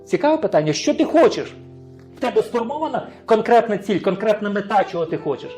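Ukrainian pastor, high voice, sermon with rhetorical questions, faint music under him. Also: male voice, expressive, quick pace, a little mellow. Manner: asks the congregation questions and answers them himself; hesitant, restarts words.

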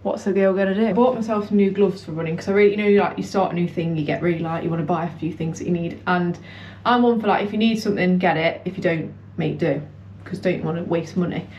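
With few pauses and a fast delivery, a young British running vlogger chats casually and self-deprecatingly in colloquial speech. Her low, steady voice is a little mellow. She's indoors in a house hallway with the camera at arm's length or propped close, and there's slight background noise.

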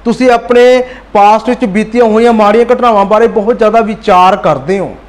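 A man's voice: sits high, fairly quick. A man giving a motivational talk. He speaks earnestly, repeats phrases for emphasis and addresses his listeners directly as friends.

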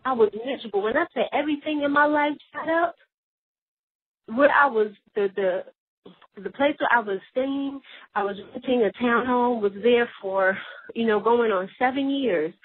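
A woman guest speaks earnestly and confessionally, her voice fairly high with a husky edge. The sound is dry and tinny, as if over a phone line. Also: normal speed, no room sound. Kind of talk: casual faith talk show chat.

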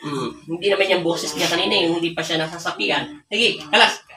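A woman's voice: fairly low pitch, brisk. A woman folk healer performing an exorcism, commanding and taunting a spirit and repeatedly ordering it to leave. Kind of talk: forceful spoken exorcism ritual. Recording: echoey room, mic from far, audible background noise.

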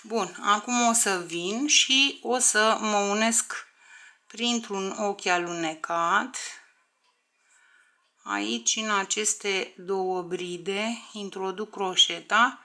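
A woman's voice: mid-range voice, pushed and bright. A woman teaching a crochet tutorial step by step, counting stitches aloud, often under her breath, and checking in with viewers.

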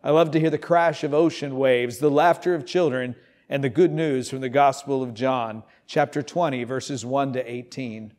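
A man in his fifties, a pastor, preaching and reading scripture in an animated storytelling way, in an empty church. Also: mid-range voice, moderate pace. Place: empty church sanctuary, indoors.

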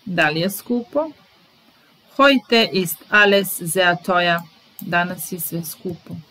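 Slow, careful woman teaching German words. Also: lowish voice, animated, sharp tone, faint music behind, low-quality recording. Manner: reads each German example, translates it, then repeats it. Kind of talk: slow bilingual vocabulary lesson.

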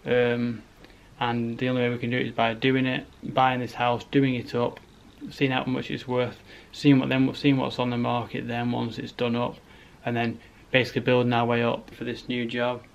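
Flat-toned, gravelly man chatting to camera. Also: medium pitch, moderate pace, few pauses, highs cut off. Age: 30s. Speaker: vlogger. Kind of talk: casual walkthrough chat to camera. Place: rooms of a house, indoors. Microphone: camera held at arm's length. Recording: handheld camera with clear background noise.

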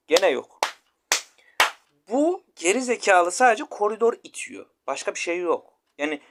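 A man ranting and swearing while commenting on his mobile game match, repeating himself as he complains. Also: sits high. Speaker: gamer. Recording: noisy gameplay recording.

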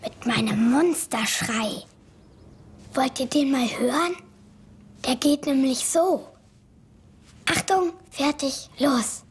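A woman's voice: sits high, slow, pauses often, husky, full character voice. A woman voicing a cheeky, boastful young boy mouse in a children's cartoon, eagerly addressing young viewers. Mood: mischievous.

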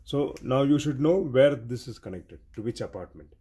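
Here a man walks through how a piece of equipment works, repeating each step as a technician giving practical instruction. His mid-range voice is dark and husky, with lively intonation at a normal speed.

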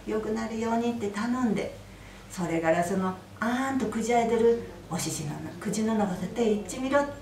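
A woman with an Aizu Fukushima dialect voicing a gruff male mountain goblin spirit in a told folk tale, speaking roughly but kindly in a roomy hall heard from a distance. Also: fairly high pitch, fairly quick, darkish tone, slight background noise, lightly acted. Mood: gruff, reassuring.

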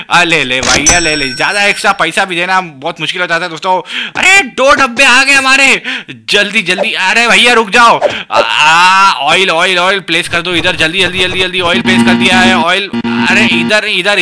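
A man gives hurried, excitable commentary as he plays a game, repeating words rapidly as he hosts his gaming channel. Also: high voice, background noise. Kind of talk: live gameplay commentary.

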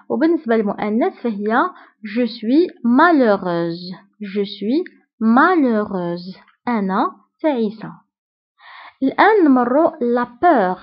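A woman with a Moroccan Arabic accent teaching a French lesson, slowly repeating each example phrase with care. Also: fairly high pitch. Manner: slow deliberate repetition of example phrases. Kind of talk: scripted language lesson. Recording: dull lo-fi recording.

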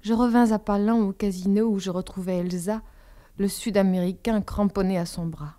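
A woman narrates a literary novel in a calm, measured reading. Her voice is warm and mellow, with a middle pitch. It is an audiobook reading.

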